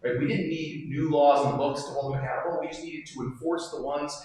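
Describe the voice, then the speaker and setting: A man's voice: fairly high pitch, fairly even intonation, quick pace, darkish tone. An earnest man makes his case as a candidate, pressing his points with emphasis. He sounds set back from the microphone, and a heavy echo hangs around his words. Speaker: political candidate. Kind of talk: forum answer to a question. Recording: echoey hall, distant mic.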